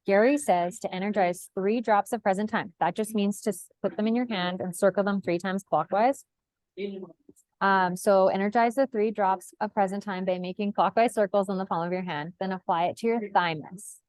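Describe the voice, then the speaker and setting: A woman's voice: medium pitch, fairly even intonation, moderate pace, darkish tone, dry recording, rough recording. A woman hosting a casual online class who explains steps plainly, with some filler words. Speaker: class host.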